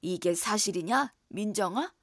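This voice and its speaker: A woman's voice: mid-range voice, expressive, measured pace, dry recording, clean studio sound, voice pushed down. A woman voicing a stern, imperious older mother-in-law in a voice drama, scolding in an old-fashioned commanding way.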